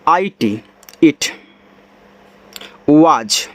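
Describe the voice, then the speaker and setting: A man's voice: fairly high pitch, animated, extremely slow. A man with an Indian accent teaching English reading, spelling each word letter by letter and then sounding it out. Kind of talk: reading lesson in Hindi.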